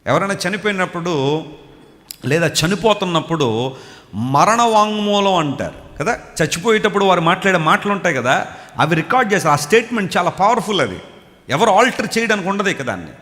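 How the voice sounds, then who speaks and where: A man's voice: sits high, big pitch swings, fairly quick, pushed and bright. A man preaching a sermon, telling stories and asking his listeners questions directly. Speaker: pastor. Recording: long hall reverb.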